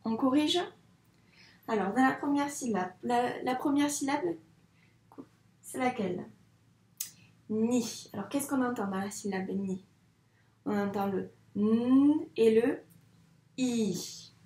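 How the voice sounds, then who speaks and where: A woman teacher with a fairly high voice walks a young child through a dictation, sounding out each syllable slowly and patiently. She speaks right to the learner, keeping everything calm and clear. Her voice carries an echo from the room she records in. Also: a little hiss or hum. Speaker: primary school teacher. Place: room with a whiteboard. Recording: echoey room.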